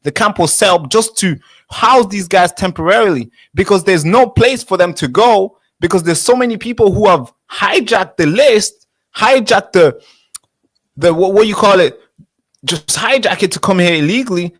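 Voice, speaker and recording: A man's voice: high-pitched, expressive, normal speed, fairly bright tone, dry recording. A man in his twenties, born in Tanzania, arguing insistently in a heated street debate and cutting in to hold the floor. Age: 20s. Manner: insistent, interrupts with repeated "wait, wait". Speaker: interviewee.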